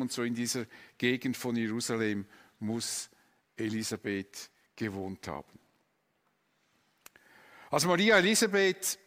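Slow, emphatic man in a reverberant hall. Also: fairly high pitch, fairly bright tone. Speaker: preacher retelling a Bible story. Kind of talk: slow, emphatic Bible storytelling with a map.

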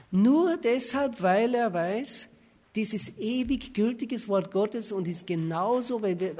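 A man preaching a sermon, reading verses aloud and pressing his points with emphatic rhetorical questions. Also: high voice. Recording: reverberant hall.

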